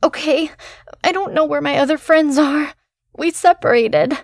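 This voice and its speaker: A woman's voice: very high-pitched, very animated, slow, a bit bright, pitched above the performer's own voice, exaggerated voice. A woman doing a terrified young caller. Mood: panicked. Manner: panicked, pleading.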